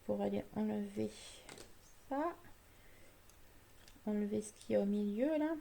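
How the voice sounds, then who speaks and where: A woman's voice: mid-range voice, unhurried, creaky, mellow, slight background noise. A woman chatting through a live card-making demo, explaining each step as she works and answering viewers.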